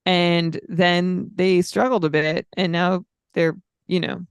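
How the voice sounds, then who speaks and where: Gravelly, stat-quoting male podcast co-host. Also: sits high, little pitch movement, dry recording. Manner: stat-heavy, measured, frequent fillers. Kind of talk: casual podcast chat.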